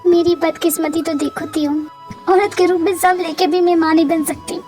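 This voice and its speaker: A woman's voice: very high voice, fairly even intonation, normal speed, mellow, faint music behind. A woman voicing a grieving young wife in a fan audio drama, tearful and pleading. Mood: anguished.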